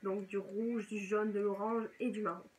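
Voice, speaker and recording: A woman's voice: medium pitch, little pitch movement, moderate pace, a little hiss or hum, low-quality recording. A young woman chatting casually and enthusiastically as a book vlogger, often correcting herself mid-sentence. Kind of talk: casual chat.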